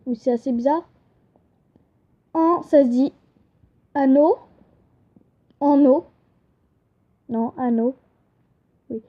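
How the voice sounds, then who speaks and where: A woman's voice: sits high, slow pace, pauses often. A young woman giving a casual home-made language lesson, chatty and hesitant, often correcting herself. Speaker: channel host teaching an invented language. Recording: dull lo-fi home recording.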